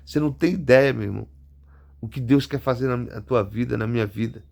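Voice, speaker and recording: A man's voice: medium pitch, a little fast, creaky, darkish tone. A man preaching a sermon, repeating words and addressing his listeners directly. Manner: repetitive, stammering emphasis, direct address to listeners.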